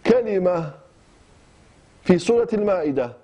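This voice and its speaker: Iraqi guy teaching quran recitation rules, highish mellow voice, stops and restarts a lot, muffled lo-fi recording. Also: animated, moderate pace. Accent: Iraqi Arabic. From Kirkuk, Iraq. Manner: talks in short phrases with frequent hesitations and restarts. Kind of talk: explaining recitation rules in class. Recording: dull lo-fi class recording.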